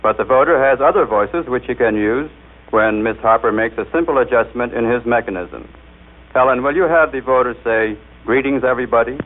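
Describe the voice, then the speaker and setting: A man's voice: medium pitch, fairly quick. Jovial man demonstrating on old radio. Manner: jovial, explanatory, coaxing the machine. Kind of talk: scripted 1930s radio demonstration. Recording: tinny 1939 radio broadcast recording.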